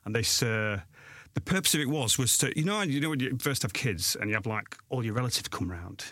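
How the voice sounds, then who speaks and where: In a mid-range, sharp-toned voice that's animated and a little fast, a forties-aged author and blogger from Sheffield, England talks as an interview guest. His South Yorkshire-accented chat is casual, self-deprecating and meandering, full of restarts, recorded in studio quality with no room sound.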